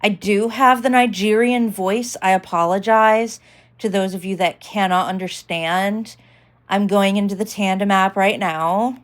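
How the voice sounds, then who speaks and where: A woman's voice: mid-range voice, steady tone, a little slow. Woman vlogger rambling thru a gadget demo, lots of um and like. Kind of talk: casual demonstration.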